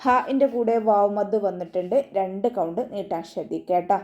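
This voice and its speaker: A woman's voice: mid-range voice, brisk, darkish tone, lo-fi sound. A woman teaching Quran recitation in an online lesson, explaining pronunciation patiently, step by step. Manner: patient, step-by-step instruction with frequent tag questions.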